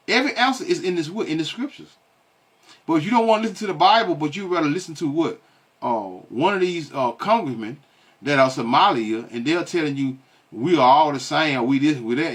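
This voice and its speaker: An online religious commentator with a fairly high, breathy-edged male voice scolds and bluntly critiques video clips. He fills his talk with stalling fillers, keeps posing rhetorical questions, and repeats himself.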